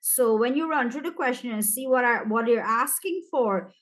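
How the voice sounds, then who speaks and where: A woman teacher with a Caribbean accent, walking students through an exam paper in a relaxed, chatty way and speaking to them directly. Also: fairly high pitch, moderate pace. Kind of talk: exam practice walkthrough.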